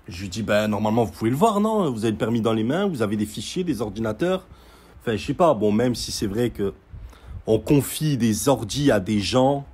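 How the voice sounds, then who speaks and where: A young man telling a story in a casual, sarcastic rant, mocking and animated as he recounts events. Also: on the low side, a little fast, husky.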